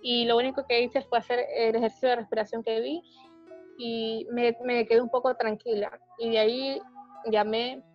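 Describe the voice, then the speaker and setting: A woman giving a personal testimony in a conversation, speaking hesitantly with many pauses and restarts. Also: a little high, flat delivery, lo-fi sound, soft background music. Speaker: interviewee describing her panic attacks.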